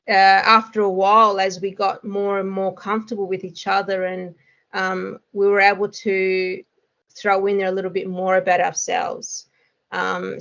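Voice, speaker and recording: A woman's voice: medium pitch, creaky, a bit bright, lo-fi sound. A woman, a hypnosis student, chatting casually in an interview with lots of fillers and frequent laughs.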